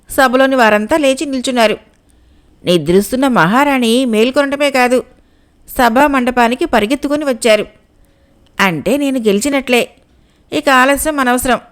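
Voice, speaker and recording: A woman narrator voicing a shrewd, firm older male royal guru in a told folk tale, speaking in a measured, reasoning way. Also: high-pitched, smooth, lightly acted.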